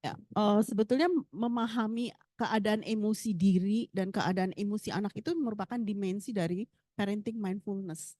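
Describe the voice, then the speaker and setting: A woman's voice: mid-range voice, moderate pace, dark tone, no echo, clean studio sound. A woman lecturer answering a seminar question, explaining with little acted examples of parent and child. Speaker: speaker, psychology lecturer.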